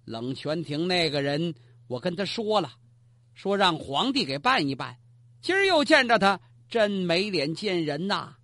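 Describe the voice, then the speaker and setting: A man's voice: high-pitched, big pitch swings, measured pace, bright, forceful tone, no room sound, studio quality, heavily acted. A man voicing an old retired emperor who speaks coldly and grumbles in a storytelling performance. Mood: grumbling. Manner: cold, grumbling. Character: old retired male emperor, stern and touchy.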